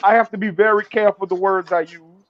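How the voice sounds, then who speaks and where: A man's voice: sits high, fairly even intonation, quick pace. A man co-hosting a casual talk show, telling laughing stories about family and respect. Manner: storytelling, laughs often. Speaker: co-host. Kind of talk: casual chat. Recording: dull, slightly lo-fi dry sound.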